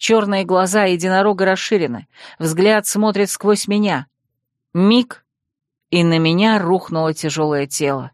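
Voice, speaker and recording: A woman narrating a fantasy audiobook in the first person with expressive storytelling. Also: fairly low pitch, unhurried, dry recording, studio quality.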